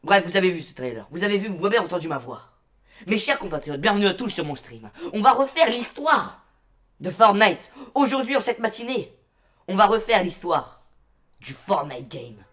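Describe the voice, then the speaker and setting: A man's voice: high-pitched, sing-song, moderate pace, a bit bright. A young man hosting a casual gaming live stream, telling the story in a hyped, theatrical way to his chat.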